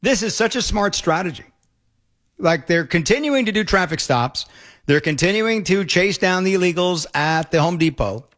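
A man hosting a talk radio show, delivering opinionated commentary in a sarcastic, mocking, excitable way into a studio mic. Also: sits high, moderate pace. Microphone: studio broadcast mic.

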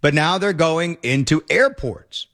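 Sarcastic high-voiced male talk radio host. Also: a little slow. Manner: sarcastic, mocking, excitable. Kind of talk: opinionated talk radio commentary. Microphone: studio broadcast mic.

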